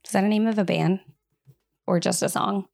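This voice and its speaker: A woman's voice: medium pitch, steady tone, moderate pace, creaky, darkish tone, no room sound, studio quality. A woman hosting a podcast in casual chat, playful and giggly, often squealing. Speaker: podcast host.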